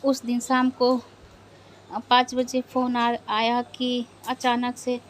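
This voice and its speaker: A young woman vlogger, quietly and sadly recounting a family loss with hesitant pauses. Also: on the high side, monotone, a little hiss or hum. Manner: sad, subdued, hesitant retelling of a family loss. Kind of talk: personal vlog storytelling.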